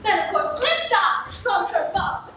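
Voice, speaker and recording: A woman's voice: extremely high pitch, big pitch swings, a little slow, heavily acted. A woman playing a mischievous, merry sprite, telling tales playfully in theatrical Shakespearean stage style. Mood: gleeful mischief. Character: mischievous, merry trickster sprite boasting of pranks. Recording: distant echoey stage capture with clear noise.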